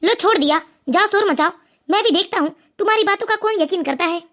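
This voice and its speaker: A smug, sleazy son-in-law in a cartoon, voiced by a woman. He talks quickly in a very high voice and mocks others with open scorn. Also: a bit bright. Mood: mocking. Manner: smug, mocking. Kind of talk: cartoon voice acting.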